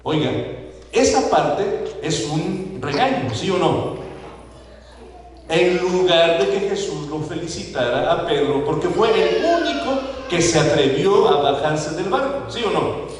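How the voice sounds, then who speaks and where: High-voiced Mexican pastor in an echoey hall. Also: male voice, lively intonation, unhurried, slight background noise. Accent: Mexican Spanish. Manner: asks the congregation questions, acts out quoted voices. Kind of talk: sermon. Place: church sanctuary. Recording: echoey church hall, voice from far off.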